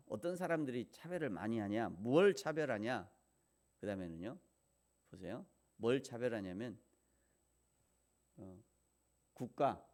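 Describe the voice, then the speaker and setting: A man's voice: medium pitch, darkish tone. A man pastor giving a morning devotional sermon, speaking in a conversational way with fillers and rhetorical questions.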